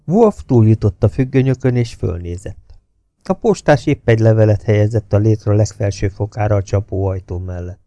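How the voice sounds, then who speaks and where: A man reading a novel aloud as an audiobook, telling it in a measured, steady way that drops to hushed tones. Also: on the low side, no echo. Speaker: audiobook reader. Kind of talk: scripted novel narration.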